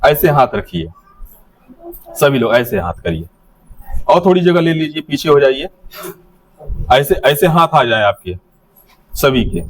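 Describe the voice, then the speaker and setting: A man's voice: medium pitch, big pitch swings, unhurried, long pauses. A man leading teachers through a classroom activity, giving step-by-step directions to a group in a hall. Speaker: teacher trainer.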